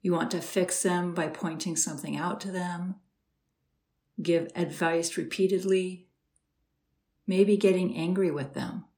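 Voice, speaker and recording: A woman leads a guided meditation in a slightly low voice. She speaks softly and slowly, with calm pauses between instructions. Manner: slow, soft, soothing instructions with pauses.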